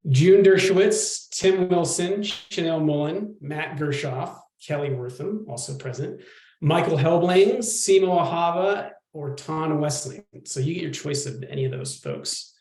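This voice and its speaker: A man co-hosting a live webinar, joking in a dry, deadpan way. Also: on the high side, unhurried, roomy sound. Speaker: guest co-host.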